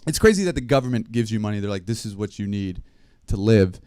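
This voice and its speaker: A man doing a stand-up comedy set, telling rambling stories in a deadpan way. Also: fairly low pitch, quick pace, clean tone, no echo, clean studio sound. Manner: deadpan, rambling storytelling with small laughs. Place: live comedy stream venue.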